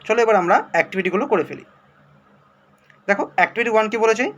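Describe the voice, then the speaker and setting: A man's voice: high voice, fairly bright tone, highs cut off, a little hiss or hum. Bengali-accented man teaching punctuation. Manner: reads English examples slowly, then explains in Bengali. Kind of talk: explaining a primary school English lesson.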